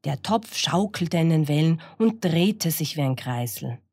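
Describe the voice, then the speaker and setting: A woman reads a children's picture book aloud in a low, unhurried voice. Her pitch rises and falls freely in an expressive storytelling way. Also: dry recording, clean studio sound.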